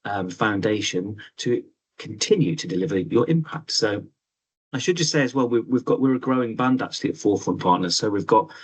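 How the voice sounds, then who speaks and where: A man's voice: fairly low pitch, animated, fairly quick, breathy edge, low-quality recording. A man hosting an online webinar in a chatty, hesitant way, full of ums, speaking over a video call. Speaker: webinar host. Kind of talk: casual online presentation.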